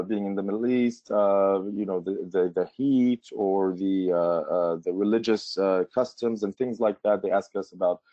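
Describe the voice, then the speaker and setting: Jordanian man, low and dry-sounding, chatty presenter who fills pauses with ums. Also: warm tone, no room sound. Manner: casual, many fillers and restarts. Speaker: tourism board presenter. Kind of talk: webinar presentation. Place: Washington D.C. remote setup. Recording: dull lo-fi audio.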